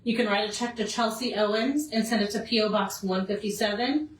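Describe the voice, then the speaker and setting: A woman's voice: mid-range voice, brisk. Woman host, teasing and chatty, recorded far off in an echoey room. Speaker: cooking show host. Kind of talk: casual chat. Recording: distant roomy kitchen recording.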